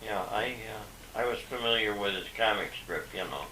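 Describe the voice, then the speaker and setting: An older man, a father, reminiscing haltingly with many fillers and restarts, on an old VHS home video recording. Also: lowish voice, sharp tone. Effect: old VHS home video sound. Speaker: father being interviewed. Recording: echoey, distant, hissy VHS tape.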